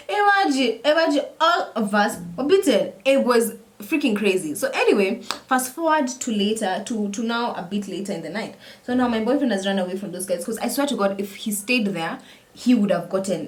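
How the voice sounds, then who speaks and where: A young woman telling a story in a casual chat while doing her makeup, animated and repetitive, slipping in Swahili words. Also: mid-range voice. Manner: animated, repeats phrases, mixes in Swahili words. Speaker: vlogger.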